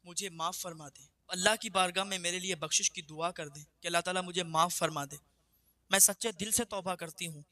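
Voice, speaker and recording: A grief-stricken woman confesses and begs for mercy in a hushed, pleading voice, as a male storyteller puts her on. The tone is bright and high, and the voice sounds close and dry. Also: fairly even intonation, dry recording. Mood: tearful pleading. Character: remorseful sinful woman begging forgiveness.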